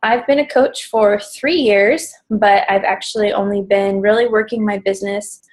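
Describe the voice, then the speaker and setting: A woman's voice: medium pitch, steady tone, moderate pace, darkish tone, poor audio. A pregnant woman in her thirties, a little out of breath, talking casually with many ums as she leads a pre-recorded team coaching call from home. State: slightly out of breath.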